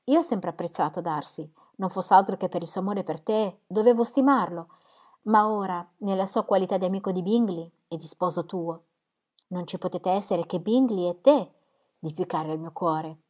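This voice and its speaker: A woman voicing a gentle, kind young woman, an affectionate elder sister, with warm, eager exclamations. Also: on the low side, moderate pace, close to an everyday voice. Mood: earnest. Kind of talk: audiobook character reading.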